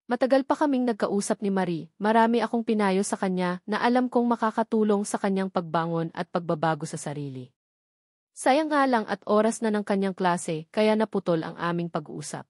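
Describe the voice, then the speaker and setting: An audiobook narrator with a Filipino accent reads a first-person novel as scripted narration. Her voice is medium-pitched and a little mellow, captured in clean studio sound without echo.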